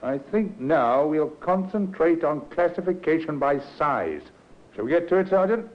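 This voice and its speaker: An authoritative male inspector in a 1950s radio play. His voice sits somewhat high and swings expressively as he methodically directs a subordinate. The old recording sounds muffled. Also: very animated, normal speed. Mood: deliberating. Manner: decisive, instructing a subordinate. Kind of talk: 1950s radio drama acting.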